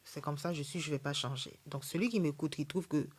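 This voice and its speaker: A woman's voice: low voice, brisk, slightly rough. A woman hosting a spiritual livestream, speaking French with an accent she mentions herself, in a blunt, defiant way, often checking in with the audience. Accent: non-native French accent. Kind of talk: live stream monologue. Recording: live stream.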